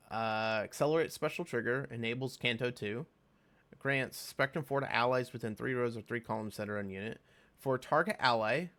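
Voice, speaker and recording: A man giving casual reaction commentary on a game, reading skill text aloud and thinking out loud with fillers. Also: medium pitch. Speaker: game video creator.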